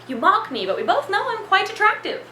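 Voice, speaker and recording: A prim, pompous young woman, played by an actress, in a comedy series, talking in stiff, formal phrases. Her voice sits high and swoops widely. The tone is bright and sharp. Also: sing-song, brisk, slight background noise, full character voice. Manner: stiff formal diction, indignant. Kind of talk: comedy web series acting.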